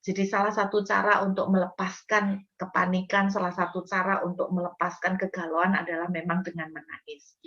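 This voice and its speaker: A woman preaching a sermon, speaking earnestly and straight to her congregation, with loud emphatic words and softer asides. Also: medium pitch, dull audio.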